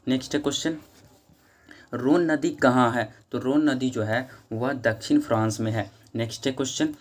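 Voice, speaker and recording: A man's voice: mid-range voice, steady tone, moderate pace. A man going through exam questions one by one, reading each question and then repeating it as he gives the answer.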